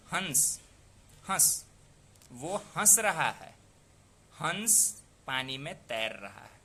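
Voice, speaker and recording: With a pushed, bright, mid-range voice, a man teaches Hindi pronunciation and spelling, patiently repeating words aloud. He poses rhetorical questions to the listener, and a little hiss or hum can be heard.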